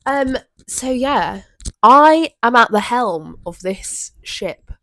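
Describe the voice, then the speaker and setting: A woman's voice: on the high side, animated, slow, pushed and bright, dry recording. A woman in her twenties with a Southern English accent, co-hosting a casual podcast chat, rambling and easily sidetracked. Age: 20s. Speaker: podcast co-host. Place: room with an open window.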